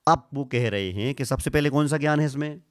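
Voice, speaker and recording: A man leads a scripture class, mid-pitched and recorded dry and close. He repeats each list slowly, quizzes his listeners and gets them to recite with him. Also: clean tone, dry recording. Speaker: Jain monk teaching scripture.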